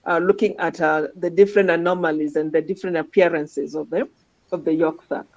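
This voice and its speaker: Deep-voiced and fairly quick, with fairly even intonation, a radiology teacher offers informal commentary on scan images to a trainee. She often tacks a questioning "huh?" onto what she says. The audio is dull and lo-fi.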